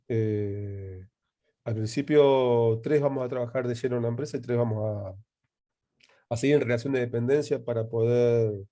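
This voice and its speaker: A man's voice: medium pitch, dark tone. An Argentine man, a university lecturer hosting an interview, agreeable and emphatic as he talks. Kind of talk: casual conversation.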